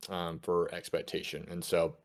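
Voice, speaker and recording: Thirty-something male co-host with a fairly low voice, chatty and explanatory. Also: level tone, moderate pace. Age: 30s. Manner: chatty, explains things plainly. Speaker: podcast co-host. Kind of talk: casual podcast chat.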